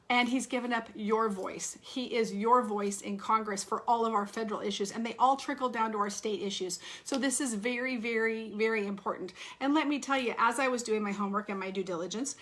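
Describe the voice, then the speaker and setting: Fired-up woman, slightly high voice. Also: a bit bright. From Oregon. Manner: earnest, heated and frustrated, with many fillers and restarts. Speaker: congressional candidate. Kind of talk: campaign livestream address. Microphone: livestream device.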